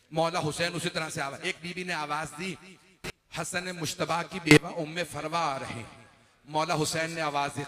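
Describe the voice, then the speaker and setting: A male cleric recites a mourning sermon, building to long drawn-out wailing cries. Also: sits high, pushed and bright. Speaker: Shia cleric reciting a majlis.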